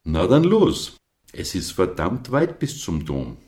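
A man's voice: sits low, huge pitch swings, takes it slowly, a little mellow, voice pushed up, exaggerated voice. A man voicing a small, brave young male lamb in a storybook reading, sounding eager and earnest.

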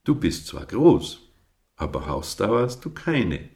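Storybook lamb: small young male, eager, earnest, put on by a male reader, lifted in pitch. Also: very animated, takes it slowly, a little mellow, exaggerated voice.

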